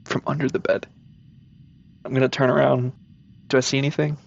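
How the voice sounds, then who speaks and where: A man's voice: mid-range voice, level tone, brisk, gravelly, dull audio. A man playing a comedic tabletop game, cautious and curious, asking the game master one question after another. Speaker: player.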